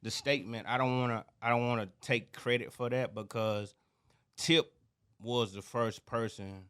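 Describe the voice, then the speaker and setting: Label-founder guest, man, bright edge, blunt and repetitive. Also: medium pitch, steady tone, normal speed, clean tone. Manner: blunt street slang, repeats himself. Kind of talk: casual interview talk.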